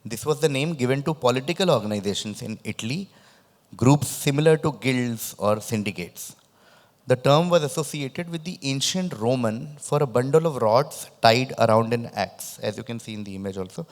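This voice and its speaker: Male quiz host, average pitch, lisp with whistling s, live and conversational, reverberant recording. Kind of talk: live quiz hosting, reading questions and chatting with contestants. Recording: echoey, long room reverb.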